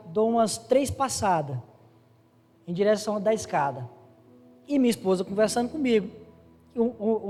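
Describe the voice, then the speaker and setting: A man's voice: high-pitched, a little mellow. A man preaching a sermon to his congregation, telling stories and calling the listeners "brother" and "dear", then building to raised, urgent appeals. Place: church hall. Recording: live church recording with long reverb and faint music.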